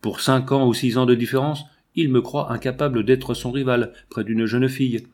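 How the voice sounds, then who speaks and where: A man's voice: medium pitch, steady tone, moderate pace, darkish tone, natural voice. A man reading aloud and voicing a jealous middle-aged writer with a bitter, agitated manner.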